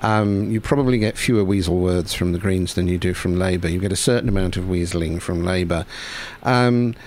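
A wry man co-hosts a live radio panel from a studio, steering the talk at an unhurried, measured pace. His voice sits a little low, and he keeps a dry, easygoing manner. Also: a little mellow, slight background noise. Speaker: radio co-host. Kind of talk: casual radio panel chat.

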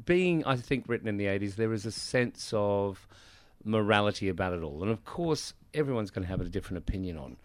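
A man's voice: lowish voice, animated, brisk, few pauses, no echo. A male musical theatre actor, chatting enthusiastically as a guest in an interview. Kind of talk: casual interview chat.

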